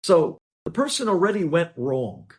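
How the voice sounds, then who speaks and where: With a slightly high, sing-song voice at a moderate pace, this man gives a religious lesson as a rabbi. He lays out religious law through hypothetical examples, stressing his points and repeating key phrases.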